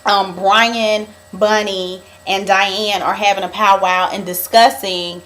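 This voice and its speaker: A woman's voice: medium pitch, flat delivery, slow pace, a bit bright. A young woman recapping a reality show in a chatty, dramatic gossip style, calling her viewers honey.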